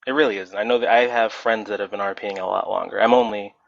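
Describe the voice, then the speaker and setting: Fast-talking and fairly low-pitched with vocal fry, this twenty-something podcast guest chats casually. He rambles in a relaxed way, using lots of fillers, over dry, dull lo-fi voice chat audio.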